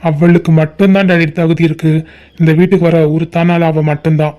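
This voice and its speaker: A man's voice: fairly high pitch, little pitch movement, brisk, warm tone, muffled recording, lightly acted. A man voicing a defiant young cartoon son. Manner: firm, defiant. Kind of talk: cartoon family drama voicing.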